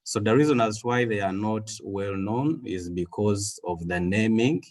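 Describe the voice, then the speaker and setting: A man in his thirties from Western Uganda with a Ugandan English accent, giving a measured webinar presentation with frequent fillers over a video call. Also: lowish voice, a little mellow. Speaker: guest speaker.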